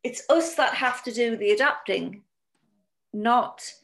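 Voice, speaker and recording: A woman co-hosting a casual podcast, speaking in a gentle, reflective way. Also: on the high side, slow pace, gravelly. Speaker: co-host and coach.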